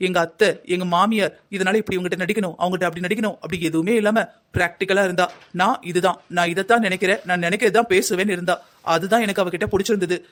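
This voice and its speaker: Fast-talking fretful mother, voiced by a man. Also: high voice, fairly even intonation, fairly bright tone. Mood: worried. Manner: earnest, lecturing. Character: worried middle-aged mother, talkative and fretful. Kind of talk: Tamil cartoon drama voicing.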